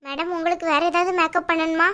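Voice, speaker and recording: A woman voicing a high, proud makeup artist. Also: steady tone, quick pace, pushed and bright. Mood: polite. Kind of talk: cartoon voice acting.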